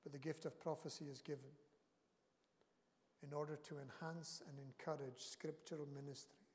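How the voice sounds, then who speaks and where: Emphatic preacher in a reverberant church. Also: male voice, fairly high pitch, level tone, normal speed, a little mellow. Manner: earnest, emphatic preaching with rising and falling intensity. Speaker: pastor. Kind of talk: sermon. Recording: long reverb of a church hall.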